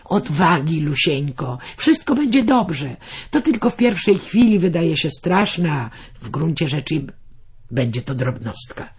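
A man's voice: fairly high pitch, big pitch swings, measured pace, breathy edge, full character voice. A man voicing a tall, protective young man who commands strangers and comforts a girl tenderly. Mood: soothing.

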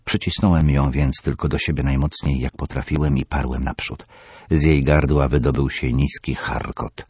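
A man narrating a horror audiobook in the first person, measured and tense. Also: extremely low pitch, fairly even intonation, a little mellow, slightly rough, no room sound, clean studio sound.

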